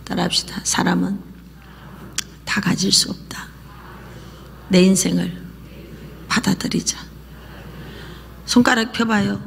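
A woman pastor preaching a lively sermon, often dropping into a whisper and having the congregation repeat after her. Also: mid-range voice, slow pace, vocal fry, pauses often. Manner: lively preaching, drops to whispers and calls for repetition. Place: church sanctuary. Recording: church hall reverb.

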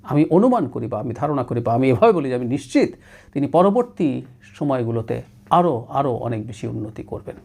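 A man's voice: medium pitch, sing-song, normal speed, vocal fry, a little mellow. A man from Bangladesh hosting his own show, giving an analytical commentary monologue on politics with an emphatic manner that often slips English phrases in.

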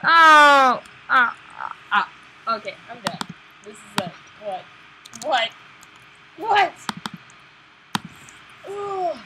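A young woman co-hosting a casual gaming let's play, excitable and prone to jumpy yelps. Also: sits high, slow pace, background noise.

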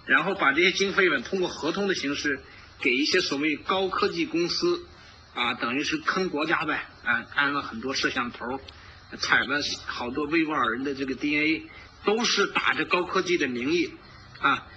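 A man's voice: on the high side, moderate pace, pushed and bright, lo-fi sound, slight background noise. A man giving informal political commentary as a host, emphatic and repeating his phrases.

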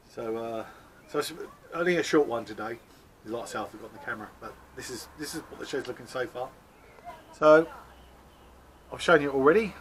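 Beside a shed at an outdoor allotment garden, a man vlogs casually into a handheld camera close to his face. He's chatty and pokes fun at himself, laughing at his own jokes. He speaks at medium pitch and a moderate pace with long pauses, and a little hiss or hum is audible.

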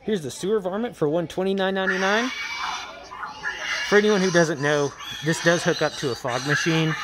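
A man's voice: high-pitched, normal speed. A man vlogging as he walks through a large Halloween store, enthusiastically reviewing the props and their prices. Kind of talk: casual handheld walkthrough commentary. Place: large empty retail store, indoors. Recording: loud store noise around the mic. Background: loud noise from props and store.

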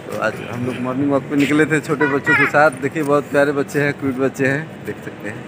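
A man's voice: mid-range voice, fast. A young man narrating a casual walking vlog outdoors on a foggy morning, chatty and always pointing out what viewers can see, filmed on a handheld phone. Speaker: vlogger. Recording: clear street noise and passing vehicles.

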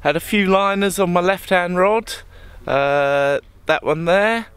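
A man's voice: high voice, takes it slowly, fairly bright tone, clear, resonant tone. A man in his forties, chatting cheerfully in a casual outdoor vlog at a lakeside fishery, recorded on a handheld camera. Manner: chatty, upbeat, teasing. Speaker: vlogger and angler.

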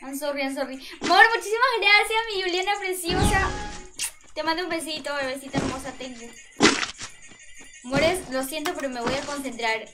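A woman's voice: sits high, normal speed. A young woman live-streaming a game, chatting playfully with her chat and shrieking during fights. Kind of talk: casual live-stream chat while gaming. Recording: loud music playing under the voice.

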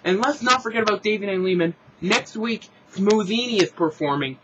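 A man's voice: high-pitched, brisk, highs cut off, heavy background noise. A man rambling frankly through a casual vlog review, restarting and correcting himself as he goes. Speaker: show reviewer. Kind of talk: casual opinionated vlog commentary.

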